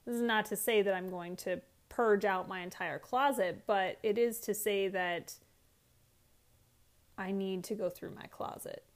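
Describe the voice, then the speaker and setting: A woman's voice: mid-range voice, steady tone, measured pace. Wry, candid woman hosting a podcast. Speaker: podcast host. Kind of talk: casual solo podcast monologue. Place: home closet.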